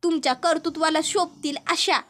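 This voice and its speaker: A woman playing a sly, flattering village woman. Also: very high-pitched, a little fast. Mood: mocking. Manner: sweet-talking rustic flattery.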